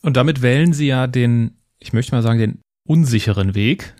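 A man asking an interview guest measured, probing questions. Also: medium pitch, a little mellow, no echo, clean studio sound.

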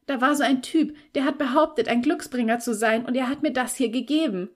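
A woman's voice: high voice, a little fast, pitched above the performer's own voice. A woman voicing a shy but stubborn teenage girl in an audiobook, speaking in a raised, earnest, pleading way. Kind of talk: audiobook reading.

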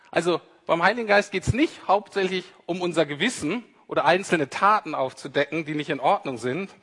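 Male preacher, fairly high voice, chatty sermon style, long hall echo. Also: fairly bright tone, slightly rough. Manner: conversational, addresses listeners directly, acts out quoted speech. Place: church hall. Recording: reverberant hall.

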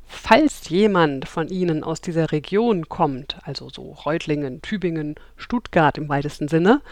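A woman's voice: deep voice, a little mellow, no echo, studio quality. A woman in her thirties from Berlin hosting a self-help podcast, talking chattily and directly to her listeners with light laughs. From Berlin, Germany. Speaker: podcast host. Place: room with open windows.

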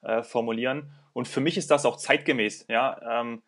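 A man's voice: medium pitch, fairly even intonation, moderate pace, fairly bright tone. A man hosting an interview podcast who asks questions hesitantly with many fillers. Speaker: podcast host. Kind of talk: interviewing, conversational.

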